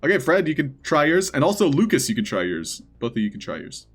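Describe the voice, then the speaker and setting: A man's voice: fairly high pitch, sing-song, quick pace, slightly rough, faint music behind. A man hosting a live stream, chatting casually with his viewers.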